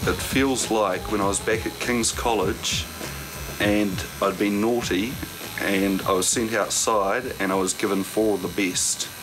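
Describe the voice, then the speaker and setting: A man's voice: fairly low pitch, fairly even intonation, a little slow, poor audio. Kiwi bloke, broad accent, slangy chat, takes his time, music in the background. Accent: New Zealand. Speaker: reality documentary participant. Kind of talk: casual chat. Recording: music playing behind the voice.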